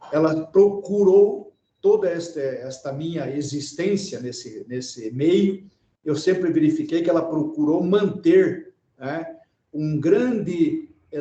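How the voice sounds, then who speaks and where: A man's voice: fairly high pitch, warm tone. A man born in Italy answering in a panel discussion, wordy, rephrasing and adding tag questions. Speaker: panel guest. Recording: echoey room sound.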